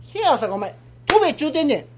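A man's voice: very high voice, very animated, fast talker, fairly bright tone, voice pushed up, heavily acted. A man voicing a grumpy, stingy father with a Kansai accent, scolding in rakugo storytelling. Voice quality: gruff, scolding.

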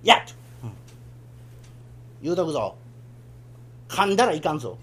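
Man doing a gruff, stingy Kansai father. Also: on the high side, sing-song, moderate pace, fairly bright tone, pitched below the performer's own voice, heavily acted. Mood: scolding. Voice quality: gruff, scolding. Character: grumpy stingy middle-aged father. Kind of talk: rakugo storytelling.

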